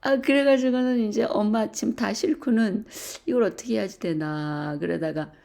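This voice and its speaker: A middle-aged woman telling a personal story to a church group, animated and full of hesitant fillers. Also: deep voice, gravelly. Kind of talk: casual storytelling.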